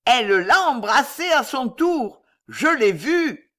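A woman voicing a fat, sluggish young male servant who speaks slowly and solemnly. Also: sits high, big pitch swings, voice pushed up, full character voice. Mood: solemn, sly. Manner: slow, drawn-out, loud calls.

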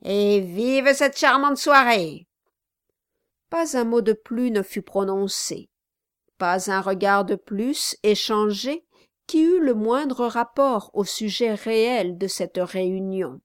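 A woman narrating a classic novel in a measured, even storytelling manner. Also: mid-range voice, no echo, clean studio sound. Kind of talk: audiobook narration.

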